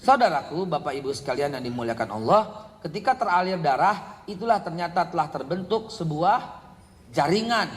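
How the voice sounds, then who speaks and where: Preaching a sermon on parenting to a congregation, a middle-aged man speaks at normal speed in a slightly high voice. He is animated, shifting from quiet asides to loud, scolding outbursts, with echoey hall reverb around him.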